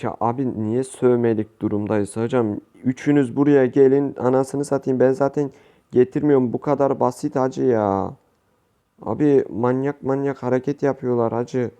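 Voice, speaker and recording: Guy from turkey yelling at his teammates over gameplay, warm mellow voice, slangy. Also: mid-range voice, moderate pace, clean tone. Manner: excitable, pleading and swearing at teammates, slangy. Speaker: gaming youtuber. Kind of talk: live gameplay commentary.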